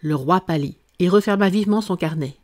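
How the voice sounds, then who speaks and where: A woman narrating a classic children's story as an audiobook, in a measured and expressive way. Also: lowish voice. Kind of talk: scripted narration.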